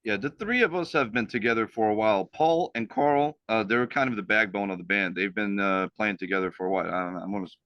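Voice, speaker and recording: Brief: Hungarian-born young male guest, low voice, dull lo-fi dry recording. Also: fairly quick, hardly any pauses, dry recording. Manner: hesitant, many fillers, laughs easily. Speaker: band member guest. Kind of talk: casual interview. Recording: dull, lo-fi sound.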